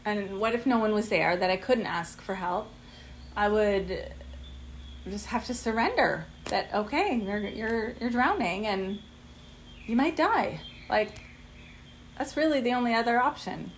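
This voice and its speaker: A woman's voice: mid-range voice, lively intonation, unhurried, a little hiss or hum, rough recording. A woman in her forties, a coach giving a casual masterclass, chatty and full of fillers. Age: 40s.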